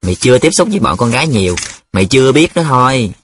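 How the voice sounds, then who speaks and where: A man's voice: mid-range voice, a little fast, slight background noise, close to an everyday voice. A man doing a cocky teasing student lad. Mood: boastful. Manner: teasing, sing-song and excitable. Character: cocky teasing young male student, boastful joker.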